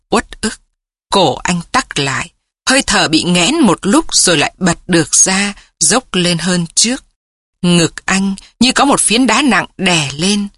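A woman narrating a literary story slowly in a mournful, measured way. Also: lowish voice, a bit bright, no room sound, clean studio sound. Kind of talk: slow literary story reading.

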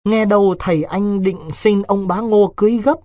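A man voicing a desperate young village man who presses his case in a hurried, husky voice. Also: high voice, steady tone, no room sound, studio quality, voice pushed up, natural voice. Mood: urgent. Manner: urgent, hushed persuading.

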